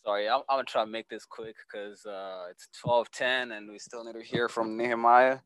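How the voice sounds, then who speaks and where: A young man from Kenya giving a casual, earnest church testimony, relaxed and full of fillers. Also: medium pitch, moderate pace, smooth, no echo.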